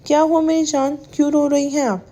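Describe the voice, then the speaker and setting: A woman voicing a doting, teasing young husband, in her own mellow voice. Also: very high-pitched, little pitch movement. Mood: affectionate.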